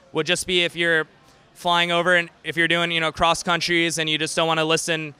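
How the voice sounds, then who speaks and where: Guy doing a casual product demo outside, really sharp bright voice, kinda high. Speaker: company representative. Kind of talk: informal product pitch in an interview.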